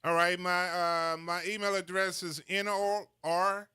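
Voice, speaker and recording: A smooth radio host, a man, taking calls on air. His voice sits high and bright with a clean, polished tone. He is easygoing and slows down to spell things out. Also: little pitch movement. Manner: easygoing, repeats himself and spells things out slowly. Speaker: radio talk show host.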